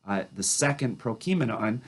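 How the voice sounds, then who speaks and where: A priest who is losing his voice gives a daily scripture reflection with a halting delivery and frequent pauses. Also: on the low side, lively intonation. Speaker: Orthodox priest.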